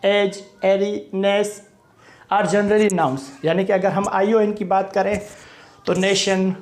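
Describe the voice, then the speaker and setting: A man's voice: sits high, little pitch movement, takes it slowly, slight background noise. A young male English teacher giving a lesson, spelling out word endings one by one and often checking in with the class. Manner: spells out word endings letter by letter, frequent "theek hai" check-ins.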